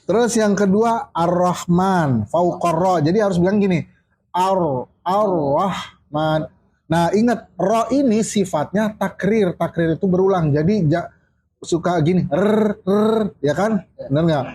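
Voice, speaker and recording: Husky high-voiced male religious teacher. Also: dark tone. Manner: drawls out recitation examples slowly, often checks understanding, jokes with students. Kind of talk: casual study-circle teaching.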